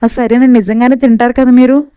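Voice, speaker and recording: A woman's voice: fairly high pitch, level tone, fast talker, warm tone, clean tone, dry recording, lightly acted. A woman voicing a caring young wife asking questions on the phone. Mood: curious.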